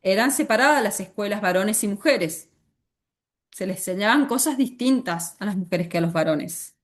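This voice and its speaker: A woman's voice: mid-range voice, lively intonation, normal speed. A woman teacher with an Argentine accent, lecturing a class and often stopping to ask the students questions. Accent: Argentine Spanish. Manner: asks the class frequent questions.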